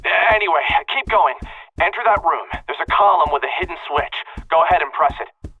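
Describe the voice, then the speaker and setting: An actor voicing a brusque young man who gives orders over a radio link, brisk and impatient. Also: fairly high pitch, lively intonation, breathy edge, faint music behind. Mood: instructing. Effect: radio comm filter. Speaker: video game character. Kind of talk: game voice acting. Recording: tinny comm-link filter.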